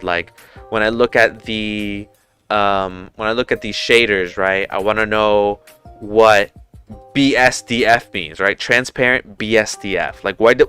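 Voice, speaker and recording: A man's voice: on the low side, fairly bright tone, clear, resonant tone. A man in his thirties from Puerto Rico, hosting a casual livestream, chatting informally with lots of fillers and restarts into a headset mic. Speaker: livestream host. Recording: music playing faintly underneath.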